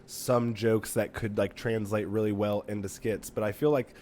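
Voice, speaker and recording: A man's voice: on the low side, flat delivery, moderate pace, darkish tone, slight background noise. A man in his late twenties hosting a podcast, chatting casually and rambling with many fillers. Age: late 20s. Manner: rambling, filler-heavy, laid-back. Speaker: podcast host, stand-up comic.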